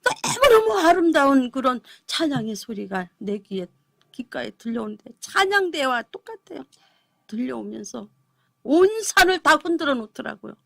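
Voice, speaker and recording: A woman's voice: high voice, very animated, normal speed, vocal fry, fairly bright tone, no echo. A middle-aged woman pastor giving an emotional, pleading testimony, her voice at times breaking into tears. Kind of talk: emotional testimony on a gospel broadcast.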